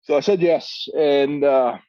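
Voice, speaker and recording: Halting man telling his story. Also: fairly high pitch, warm tone, no echo. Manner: hesitant, many fillers and restarts. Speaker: podcast guest. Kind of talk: personal testimony. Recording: dull lo-fi sound.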